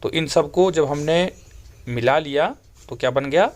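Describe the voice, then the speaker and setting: Man teaching slowly, word by word. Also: a little high. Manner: slow, spelled-out recitation. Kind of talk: lesson for school children.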